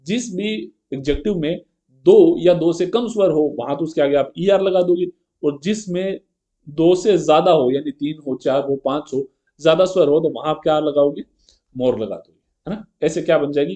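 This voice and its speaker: A male grammar teacher teaches an exam-prep lesson step by step, often checking in with a quick rhetorical question and reading example sentences slowly. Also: a little high, warm tone. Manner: reads English example sentences slowly and carefully.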